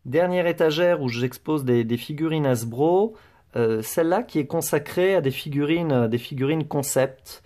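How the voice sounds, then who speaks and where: A man's voice: a little high, moderate pace, dark tone. A man giving a casual show-and-tell tour of his collection, hesitant, with many fillers and restarts.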